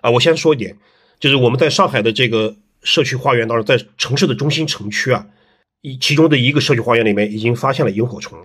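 Middle aged guy chatting on a podcast, kinda husky, lots of fillers and "right?". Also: medium pitch, fast, fairly bright tone. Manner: thoughtful, many fillers and tag questions. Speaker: guest, landscape design teacher. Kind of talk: casual interview storytelling.

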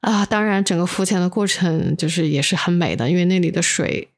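Though sick, a co-host from inland China keeps the podcast going with casual chat and personal stories, weaving English words into her Mandarin. Her voice is fairly low-pitched and a little fast.

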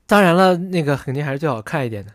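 Fast-talking young man, joking. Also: fairly high pitch, animated, no room sound. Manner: joking, rambling storyteller. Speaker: podcast co-host. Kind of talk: casual chat.

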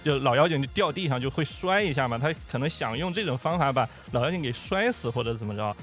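A man casually retelling a childhood folk tale on a podcast, chatty and animated, with many fillers. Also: a little high. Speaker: podcast host. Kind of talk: casual storytelling chat.

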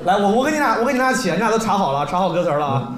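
A man's voice: high-pitched, big pitch swings, very fast, heavy background noise. A man hosting live comedy banter with the audience in a teasing, profane way. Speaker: host. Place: live event room with audience. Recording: echoey room with loud crowd.

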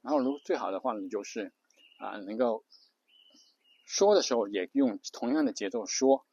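A man talks through a casual spoken lesson, laying out his points one at a time and tapping out rhythms with spoken syllables. His voice sits at an ordinary middle pitch. The sound is close and dry, with no room around it. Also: lively intonation, normal speed, warm tone, slightly rough, dry recording, dull audio. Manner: explains step by step, counting off points. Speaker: English-learning show host.

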